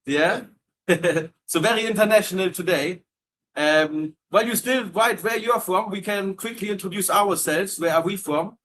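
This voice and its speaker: With a high-pitched, slightly bright voice at a moderate pace, a German man chats casually on a live stream, answering questions about hotel entertainment work. He's friendly, uses lots of fillers and restarts, and repeats words while reading comments; there's a little hiss or hum.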